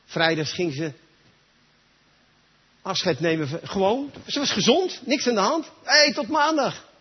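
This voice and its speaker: A man's voice: high-pitched, very animated, measured pace, breathy edge. A man preaching a sermon in a church gathering, talking emphatically and straight to his listeners. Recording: dull lo-fi recording.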